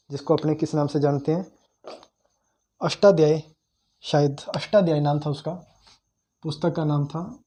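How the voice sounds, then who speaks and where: A young male teacher giving a casual history lecture, repeating key terms and pausing with "uh" as he recalls names. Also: a little high, mellow. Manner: conversational, repeats key terms, frequent "uh" pauses while recalling.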